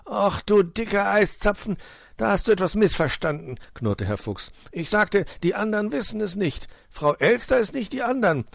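A man's voice: high voice, wildly swooping pitch, normal speed, gravelly, hardly any pauses, fairly bright tone, no room sound, studio quality, pitched above the performer's own voice, full character voice. A man voicing a sly, fibbing fox uncle in a children's story, stammering out excuses. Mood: grumbling.

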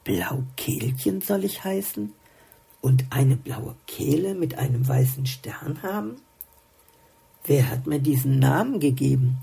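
A grumpy little songbird from a storybook, muttering and doubting everything in a low, gravelly grumble, as a woman reads him. The voice is dark, very husky and slow. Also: lively intonation, full character voice. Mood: grumbling, doubtful.

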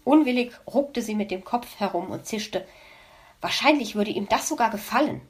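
Female storyteller, lively and expressive, children's audiobook, bright register. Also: fairly high pitch, moderate pace. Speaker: narrator.

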